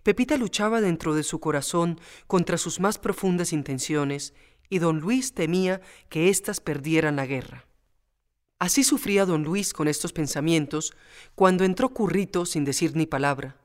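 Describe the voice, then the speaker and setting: High-voiced man narrating a storybook. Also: animated, normal speed.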